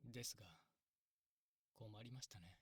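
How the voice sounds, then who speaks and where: A man playing a kindly, long-lived elf priest in an ASMR role-play, very polite, soft and measured. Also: lowish voice, breathy edge, no echo. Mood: troubled.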